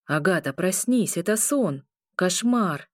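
A woman voicing a caring old grandfather who grumbles yet speaks gently, in a storybook reading. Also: fairly low pitch, animated, slow pace, dry recording, studio quality. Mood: fretting.

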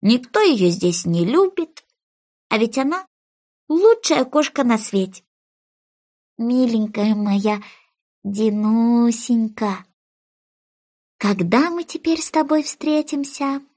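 A woman's voice: high-pitched, very animated, unhurried, darkish tone, pitched above the performer's own voice, full character voice. A woman voicing a polite, dreamy little girl who talks earnestly.

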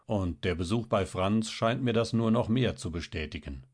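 A man voicing a genial, knowing middle-aged official and father in a read-aloud story, measured and wry. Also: fairly low pitch, natural voice.

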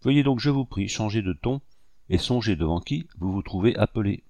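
A proud rebel commander , put on by a man reading aloud, speaks with haughty, barely held-back menace. The voice is dark and low. The recording is dry and close. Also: expressive, fairly quick, dry recording. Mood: stern. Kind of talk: audiobook character reading.

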